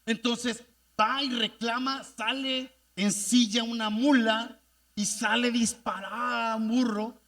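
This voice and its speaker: A male pastor delivers an emphatic sermon and keeps calling out to his congregation. His voice sits high and bright. The mic picks him up from a distance in the sanctuary. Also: flat delivery, slow, big-room sound.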